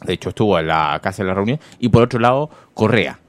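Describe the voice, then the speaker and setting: A man's voice: on the low side, animated, quick pace, no echo. A man with a Chilean accent hosting morning radio, chatting wryly about politics and reading listener messages aloud. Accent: Chilean Spanish. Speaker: radio host. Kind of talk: casual morning radio commentary.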